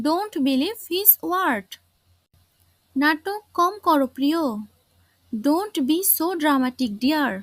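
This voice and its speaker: A woman teacher reading short lesson phrases and repeating each one twice, slowly and clearly. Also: high-pitched, lively intonation, no echo. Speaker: language teacher.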